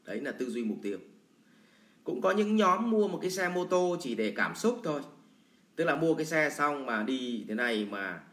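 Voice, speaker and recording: A man's voice: fairly high pitch, sing-song, moderate pace, fairly bright tone. A man teaching sales in a blunt, colloquial lecture full of everyday examples. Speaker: sales trainer. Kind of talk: lecture answering a viewer question. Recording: roomy echo.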